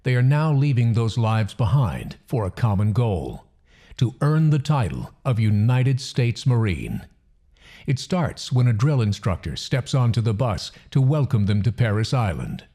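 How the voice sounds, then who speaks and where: A man narrates a documentary in a measured, solemn way. His voice is dark and mellow, and his pitch moves a lot. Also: very animated.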